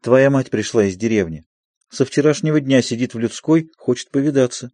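A man's voice: medium pitch, brisk, mellow, dry recording, pitched above the performer's own voice, lightly acted. A man voicing a pious, tearful young woman who fusses earnestly, in an audiobook of a play.

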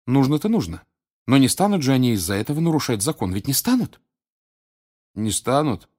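A man's voice: mid-range voice, very animated, moderate pace, a little mellow, breathy edge, voice pushed up. A man voicing a clever, anxious teenage schoolgirl witch in an audiobook, speaking earnestly and urgently, raised well above his own voice. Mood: worried. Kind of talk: audiobook character voice.

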